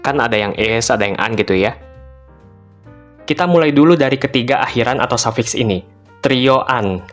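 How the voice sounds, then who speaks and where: A man's voice: medium pitch, moderate pace, pauses often, fairly bright tone, soft background music. A man hosting an educational channel, explaining in a playful, joking, casual scripted style. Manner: playful, joking, chatty slang.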